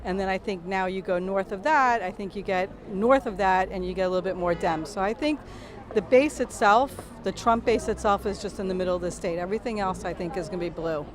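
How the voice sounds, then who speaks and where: A woman's voice: medium pitch, a little fast. A woman from Miami, a voter at an election event, answering a street interview in a confident, matter-of-fact way. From Miami, Florida. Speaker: voter at a rally. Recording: noisy crowd outdoors. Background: crowd.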